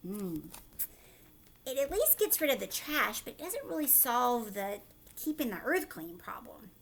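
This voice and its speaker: A woman teacher reads a picture book to children expressively, adding explanatory asides and questions. Her voice is a little high and her pace unhurried.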